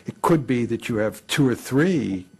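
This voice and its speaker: A man's voice: mid-range voice, expressive, a little slow, a little mellow, breathy edge. A man giving interview commentary, hesitant, with fillers.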